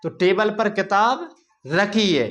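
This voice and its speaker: Male teacher, high voice, asks and answers his own questions, informal grammar lesson. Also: expressive, fairly bright tone, soft background music. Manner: repeats key points as questions and answers them; informal, drawn-out explanations.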